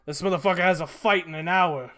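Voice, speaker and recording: A man voicing a gruff, demanding older hobgoblin in a tabletop fantasy game. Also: sits high, a little fast. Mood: indignant. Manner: loud, urgent, demanding. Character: gruff, pushy older male hobgoblin hustler.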